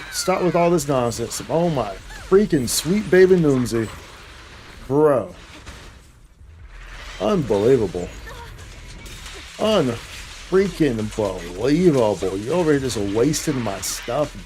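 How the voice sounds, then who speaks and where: At medium pitch, this man sounds very animated but talks slowly, leaving long pauses, and his voice is a little mellow. He livestreams casual gameplay commentary, slangy and peppered with "dude" and "boy" for game and viewers, over game music.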